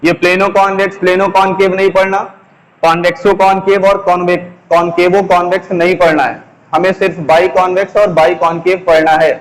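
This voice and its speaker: A male teacher giving a classroom lesson, speaking slowly, repeating key terms and asking the class questions. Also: high voice, flat delivery. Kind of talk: classroom lesson, explaining while writing on a board. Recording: long echoing reverb.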